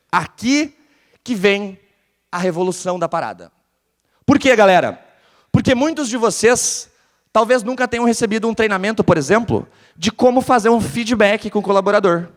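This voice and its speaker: A high-voiced man with a southern Brazilian gaúcho accent speaks to a live audience in a large hall. He talks with an energetic, swooping delivery and keeps throwing questions at the crowd. His voice carries a long reverb from the room. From Porto Alegre, southern Brazil. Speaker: conference speaker. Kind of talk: live motivational business talk.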